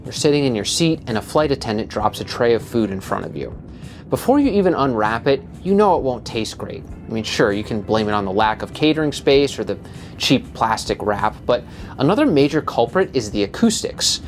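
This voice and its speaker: A man's voice: medium pitch, very animated, a little fast, slight background noise. A man hosting a design video, giving scripted narration with an explanatory, punchy delivery.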